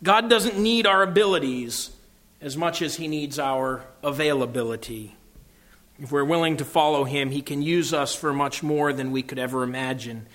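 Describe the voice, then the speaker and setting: A man preaches a sermon in an earnest, emphatic way, pressing his points home. His voice sits somewhat high for a man. He frames his message around a story he reads aloud. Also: moderate pace, a bit bright.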